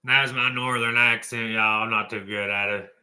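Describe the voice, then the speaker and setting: A man's voice: lowish voice, level tone, normal speed, sharp tone. A man hosting a college football talk show, blunt and folksy, tossing in mild swearing. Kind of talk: opinionated sports talk.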